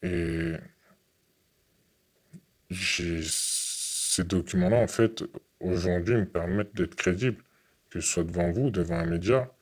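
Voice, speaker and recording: A young man from France giving an earnest, halting interview testimony, often repeating his words. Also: sits low, animated, creaky, breathy edge.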